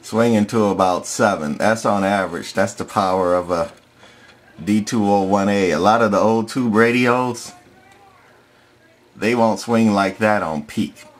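In his workshop, a radio collector shows off a vintage set in a casual, hands-on demo. His voice sits on the low side and he takes his time, repeating test words into the mic in a matter-of-fact way.

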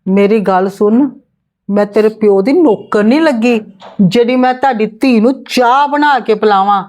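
A woman's voice: a little high, moderate pace, a little mellow, natural voice. A woman playing an overworked daughter-in-law who lectures and complains at her husband's sister in a family skit. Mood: indignant. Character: overworked, fed-up young wife arguing with her in-laws.

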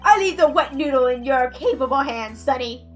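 A woman voicing a fussy, fond old male shopkeeper uncle in a game play-through, lowering her voice a little. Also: animated, moderate pace, soft background music. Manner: gruff-tried, slightly lowered delivery. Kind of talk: let's play voice reading.

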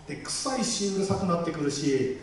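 Animated man speaking in an echoey hall. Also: a little high, normal speed, a little hiss or hum. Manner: animated, jokey, acts out quoted voices. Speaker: guest speaker at a campaign rally. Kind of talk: public speech to a live audience. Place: large public hall. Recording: echoey hall, mic far off.

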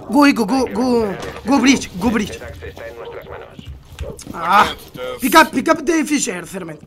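A man with a Spain Spanish accent doing live gameplay commentary as a gaming streamer. He is excitable, swears often and shouts quick callouts in English. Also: extremely high pitch, a crowd in the background.

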